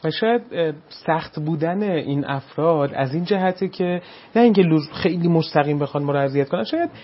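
A man's voice: on the high side, lively intonation, lo-fi sound, slight background noise. A man hosting a radio talk show, making short agreeing remarks and follow-up comments.

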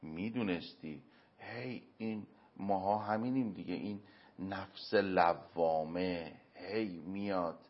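A man answering as an interview guest, giving earnest moral and religious advice through everyday examples, with emphatic pauses. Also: sits low. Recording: dull lo-fi recording.

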